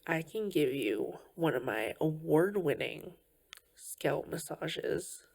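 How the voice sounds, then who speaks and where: In this comfort ASMR roleplay, a woman acts the part of a loving girlfriend looking after a worn-out partner, using an animated, full character voice. It's breathy with crackly low-end fry and often drops to a whisper, and she stays affectionate, gentle and reassuring, speaking slowly with soft pauses.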